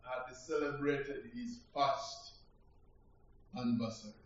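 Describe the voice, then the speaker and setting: A man from Uganda preaching a sermon, slow and reflective, building in emphasis. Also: medium pitch, steady tone. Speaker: guest preacher. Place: church hall. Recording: echoey hall from far off, dull.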